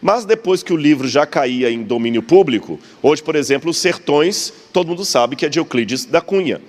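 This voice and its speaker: A man's voice: fairly high pitch, animated, brisk. Brazilian man lecturing in a hall. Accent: Brazilian Portuguese. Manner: didactic, asks audience questions, points at slides. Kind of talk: public lecture to a live audience. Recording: long hall reverb.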